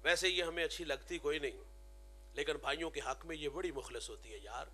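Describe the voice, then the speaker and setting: Bright-voiced male preacher. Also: fairly high pitch, slightly rough, soft background music. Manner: storytelling with quoted Punjabi verse. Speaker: religious scholar. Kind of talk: sermon.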